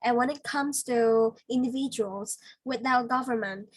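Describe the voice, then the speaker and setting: Woman, Vietnamese accent, English teacher, husky voice, unhurried, patient corrections. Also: on the high side. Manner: patient, corrective, explains word choices slowly. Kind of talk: speaking practice lesson.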